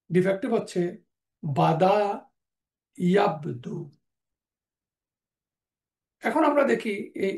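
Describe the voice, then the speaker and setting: Gravelly-voiced man lecturing in an echoey room. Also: high voice, darkish tone. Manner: slow, deliberate explanation, repeating example words. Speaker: Quranic Arabic teacher. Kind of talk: recorded grammar lecture.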